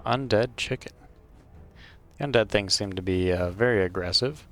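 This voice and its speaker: Speaking over music, a man with a lowish voice offers casual let's play commentary on his game. He rambles unhurriedly and hesitantly, with frequent ums and uhs, into a wired mic at his home gaming setup.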